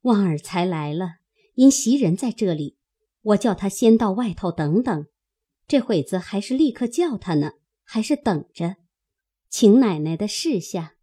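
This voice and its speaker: A woman voicing a discreet young maidservant who reports softly and deferentially to her mistress in an audiobook. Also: medium pitch, lively intonation, measured pace, slightly rough.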